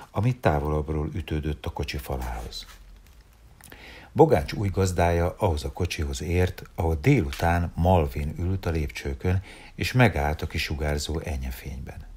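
A man, an actor, reading a story aloud in a calm, expressive way, at times dropping to a whisper. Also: a bass voice, breathy edge. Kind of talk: storybook read-aloud narration.

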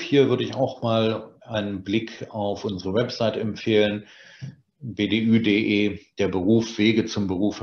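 Speaking from his home study, a middle-aged translator with a lowish voice presents an online lecture, walking through slide points and saying "äh" often. He grew up in Germany and England and is bilingual in German and English. His webcam on the video call captures roomy, dull, lo-fi audio.

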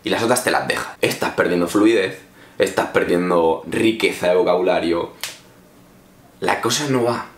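Man from Spain, low voice, chatty vlog advice, echoey room. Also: normal speed. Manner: chatty, direct, addresses viewers informally. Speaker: English teacher vlogger. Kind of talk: casual advice talk to camera.

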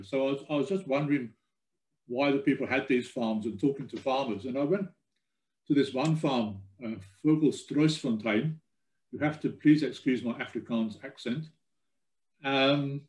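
Older guy doing a halting informal lecture on a video call, roomy echo, normal pitch. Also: darkish tone. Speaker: guest lecturer. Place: indoors in a room at home, on a video call.

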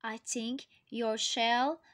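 A woman voicing a curious, excitable young boy in a children's storybook read-aloud, eager and wide-eyed. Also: fairly high pitch, drawn-out words. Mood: amazed.

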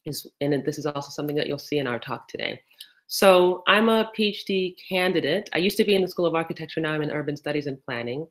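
Woman in her 30s chatting through her research on a laptop call, relaxed and thoughtful, lots of ums. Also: deep voice, quick pace. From United States. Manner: conversational, thoughtful, many fillers. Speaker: PhD candidate presenting research. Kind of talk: casual online presentation. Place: indoor room. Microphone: laptop video call.

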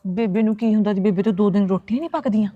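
A woman's voice: mid-range voice, no room sound. A woman acting a young wife who scolds her husband in a comic web series. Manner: scolding, fast village chatter. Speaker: actor playing a young wife. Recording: dry, muffled lo-fi phone audio.

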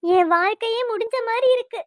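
Woman doing a tearful young cartoon wife, very high voice, dry mic. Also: fairly even intonation, brisk, a bit bright, no room sound. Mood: grieving. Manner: tearful, sorrowful. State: crying. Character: heartbroken young wife, betrayed daughter.

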